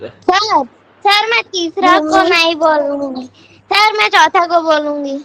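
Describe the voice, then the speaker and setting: High-voiced girl student calling out. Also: slow pace, bright, forceful tone. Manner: short answers called out to the teacher.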